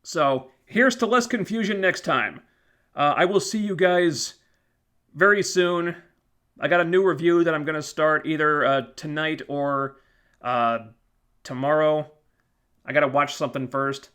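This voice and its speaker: A YouTube host ends a casual live stream in a fairly high voice that's pushed, bright, and smooth, delivered at a measured pace. As his voice fades, he rambles through thanks to viewers with many fillers and restarts.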